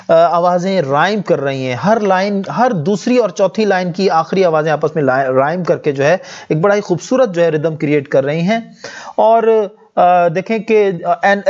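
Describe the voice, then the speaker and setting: Man, poetry teacher, high voice, mixes English terms into his explanation, reads verse slowly, muffled lo-fi sound. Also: a little mellow. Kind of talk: lecture on a poem.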